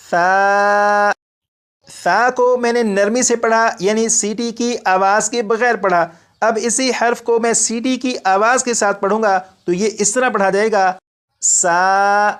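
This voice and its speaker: A man with a smooth, high-pitched voice leads a classroom lesson in Quran recitation. He patiently repeats every point and sounds out the letters slowly.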